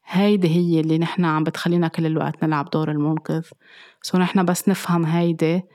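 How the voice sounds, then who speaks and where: Lebanese accent, self-help talk, quick delivery, flat even tone, earnest, drops in English psychology terms. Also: mid-range voice.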